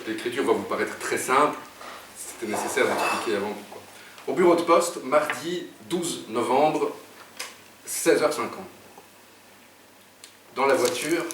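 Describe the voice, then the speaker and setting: A Belgian man, an author, chatting about his novel and then reading a chapter aloud, raising his voice for the characters. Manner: lively reading, raises pitch for characters. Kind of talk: author talk and book reading. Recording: echoey room, distant mic, faint noise.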